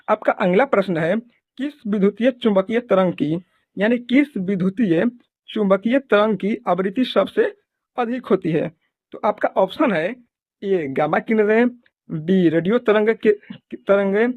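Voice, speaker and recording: Heard through narrow, tinny audio with no room sound, a mid-range voice works through quiz items. The exam prep teacher reads each question, its options and the answer in a methodical, instructional way, repeating the same set phrases.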